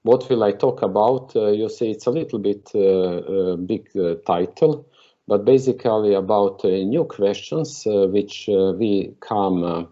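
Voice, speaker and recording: A Croatian man with a Croatian accent delivers a conference keynote by video call, his lowish, mellow voice moving at a measured pace. He sounds hesitant and fills his speech with filler sounds. The video call audio is dull and lo-fi.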